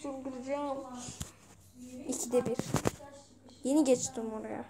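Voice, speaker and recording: A young woman giving casual, exasperated gameplay commentary with bursts of shouting and swearing. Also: sits high, normal speed, a crowd in the background. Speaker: gaming video creator.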